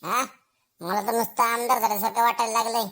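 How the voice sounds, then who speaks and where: A woman's voice: a little high, fairly even intonation, fairly quick, a bit bright. A woman voicing a blustering schoolboy who gets to be teacher for a day, in a village comedy skit, full of cheeky asides to himself. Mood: smug. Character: brash boastful schoolboy made teacher for a day, male.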